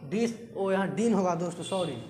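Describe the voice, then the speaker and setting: High-voiced male teacher drilling a class. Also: fairly quick, a little mellow. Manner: repetitive drilling, asks and answers own questions. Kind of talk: classroom lecture. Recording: echoey room, faint background hiss.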